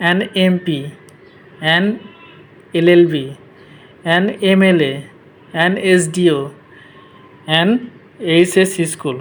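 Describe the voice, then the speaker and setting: A man walks through an English grammar rule, taking his time over each example. His voice sits slightly high, and his pace is unhurried and deliberate. He stresses the key points by saying them twice. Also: steady tone. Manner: slow and deliberate, stresses key words with repetition. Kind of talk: slow explanatory lesson.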